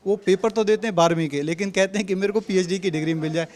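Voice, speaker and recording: Assertive high-voiced man. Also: fast, a little mellow. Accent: Delhi Hindi. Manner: assertive, repetitive rhetorical points. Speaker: party spokesperson. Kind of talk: political interview answers.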